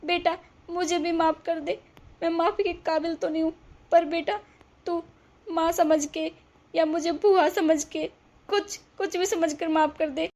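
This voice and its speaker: A woman's voice: extremely high pitch, fairly even intonation, measured pace, a little mellow. A woman voicing a remorseful middle-aged mother-in-law in a cartoon drama, speaking in an apologetic, pleading way.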